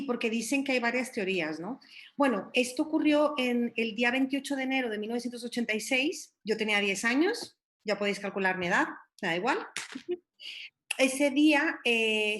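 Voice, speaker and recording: Higher-pitched woman in her forties. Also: fairly bright tone. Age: 40s. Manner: recalls events with many hesitant restarts. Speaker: panelist. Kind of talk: live stream panel talk.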